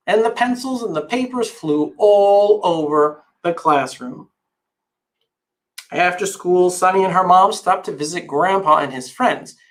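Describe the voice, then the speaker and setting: A man reads his picture book to small children in a bright, playful storytelling manner. He speeds through some phrases and lingers on others, keeping young listeners engaged. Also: sits high, rough recording. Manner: lively, playful, changes pace often. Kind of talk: storybook read-aloud.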